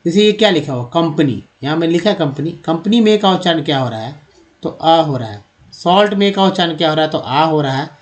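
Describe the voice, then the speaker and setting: A man teaching English pronunciation, asking and answering his own questions in a steady drilling rhythm. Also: a little high, fairly quick. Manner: addresses viewers as friends. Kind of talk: explaining with written examples on screen.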